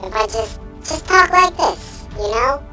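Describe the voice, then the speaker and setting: A man talking through a pitch-raising voice changer built into his gaming headset, joking slowly during casual gameplay commentary. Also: animated, sharp tone, soft background music, full character voice. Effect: high-pitched headset voice changer. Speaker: gamer.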